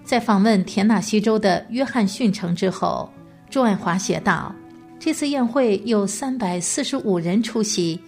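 Woman reading a radio biography. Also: mid-range voice. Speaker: radio program host. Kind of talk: scripted biography narration.

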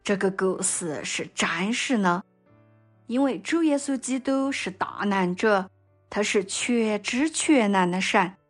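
A woman narrating a Bible story in a slow, gentle way and speaking directly to her listeners. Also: medium pitch, expressive, soft background music.

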